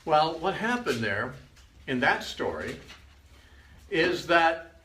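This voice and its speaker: A man's voice: fairly high pitch, sing-song, takes it slowly, sharp tone. An older man giving a conversational Bible lesson, retelling stories and casually acting out the quoted lines. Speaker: Bible teacher. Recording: roomy with faint background noise.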